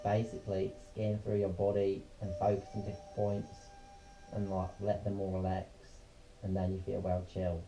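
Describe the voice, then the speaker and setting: A man's voice: low-pitched, completely flat delivery, moderate pace, mellow, faint music behind. A man leading a casual guided yoga lesson in a laid-back, slangy, unpolished way, as the instructor. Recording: muffled, dull lo-fi sound.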